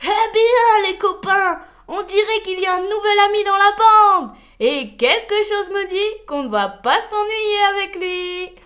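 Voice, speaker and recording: A woman voicing a clever, lively male wolf, in a storybook reading. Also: very high voice, a little slow, hardly any pauses, voice pushed up, heavily acted. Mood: excited. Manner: exclamatory, eager.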